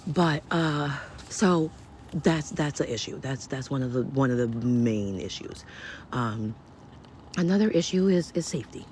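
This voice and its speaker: A woman telling her story in a casual vlog from home, halting with many restarts and often dropping to near whispers. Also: very deep voice, animated, darkish tone, a little hiss or hum. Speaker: vlogger. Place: indoors at home.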